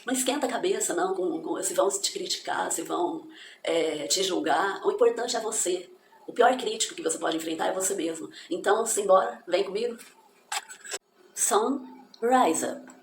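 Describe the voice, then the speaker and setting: A woman's voice: lowish voice, a little fast, gravelly. A woman giving an encouraging, reflective English lesson in which she spells out pronunciations. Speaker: English teacher. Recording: echoey room with faint background noise.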